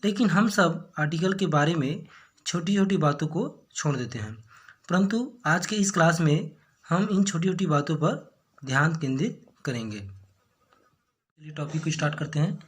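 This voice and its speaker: A male teacher giving a grammar lesson, slowly explaining and answering his own rhetorical questions. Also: on the high side, expressive. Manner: asks rhetorical questions then answers, checks with "okay"; slow, deliberate explaining. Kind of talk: classroom-style grammar lesson.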